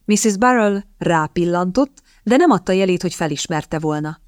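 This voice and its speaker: Low-voiced woman narrating an audiobook. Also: animated, dry recording, clean studio sound.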